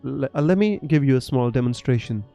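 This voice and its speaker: With soft music in the background, a young North Indian man from Punjab hosts a fantasy football stream in a brisk, expressive mid-range voice that is gravelly yet mellow. He speaks a mixed international English learned from online gamers, chatting and reading viewer comments amid many fillers and restarts.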